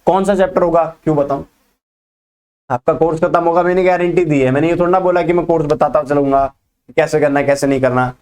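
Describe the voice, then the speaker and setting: Fast-talking high-voiced male teacher. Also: steady tone, a little mellow, smooth. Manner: fast-talking, quizzes students with quick questions. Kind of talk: energetic classroom lecture.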